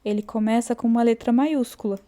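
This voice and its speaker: Woman, language teacher, warm mellow tone, patient, repeats words slowly, casual lesson. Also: fairly high pitch, fairly even intonation. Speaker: German teacher. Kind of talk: relaxed online language lesson.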